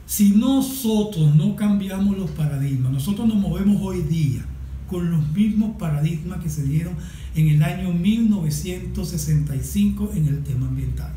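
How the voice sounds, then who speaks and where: A Venezuelan man in his sixties, an environmental activist invited as a guest, gives an impassioned speech on a panel. His high-pitched voice has a dark tone, and he speaks emphatically and deliberately, stressing and repeating words. The room is echoey, with faint background noise.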